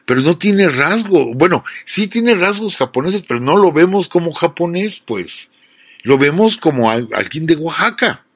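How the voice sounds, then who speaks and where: A man's voice: medium pitch, dry recording, clean studio sound. A man with a Mexican accent hosting a radio program and telling film history in a conversational way. He talks straight to his listeners as friends and often checks in with them. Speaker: radio host.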